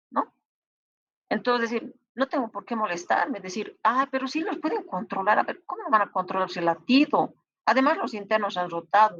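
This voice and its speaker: In a dry, somewhat dull recording, a woman with a mid-range, fairly bright voice lectures medical students at a university. She offers advice and acts out dialogue between colleagues.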